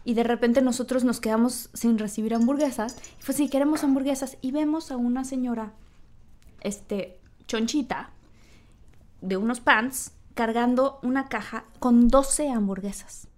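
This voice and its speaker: A woman with a Mexican accent telling a story in casual chat, animated and full of fillers. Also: a little high, normal speed. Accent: Mexican Spanish. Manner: animated, acts out quoted voices, frequent fillers.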